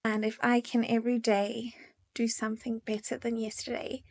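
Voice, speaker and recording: A young woman giving a casual, earnest devotional talk to her viewers, encouraging and gentle with soft pauses. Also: a little high, little pitch movement. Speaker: faith vlogger.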